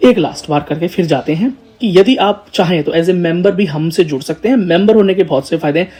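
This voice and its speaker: A man's voice: high voice, a little fast, mellow. A man, a channel host casually explaining things to students in a chatty manner and calling them brother or child.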